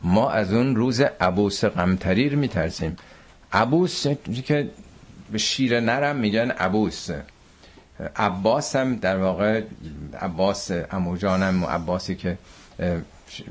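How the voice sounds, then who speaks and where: A man from Iran teaching a Quran commentary class, reciting Arabic verses slowly and explaining them in everyday speech. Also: low-pitched, slightly rough.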